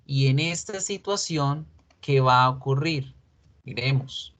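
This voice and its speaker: A man teaching a recorded online language class, talking at an unhurried, measured pace in a mid-range voice. He stops to ask the students questions and says each example sentence slowly, more than once, so they can copy it. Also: mid-range voice, fairly bright tone, low-quality recording. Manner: patient, repeats example sentences slowly for pronunciation; asks students questions and checks understanding. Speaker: English teacher.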